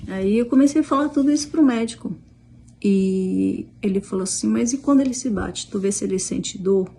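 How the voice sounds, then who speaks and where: A woman's voice: medium pitch, moderate pace, vocal fry, mellow, slightly rough. A middle-aged Brazilian woman with a Brazilian Portuguese accent, casually retelling a conversation with many restarts and quoted dialogue. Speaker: vlogger, mother. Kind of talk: casual storytelling.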